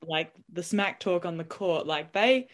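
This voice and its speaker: A woman co-hosting a casual sports podcast, telling stories in an animated, exasperated way. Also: on the low side, a little slow. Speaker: podcast co-host.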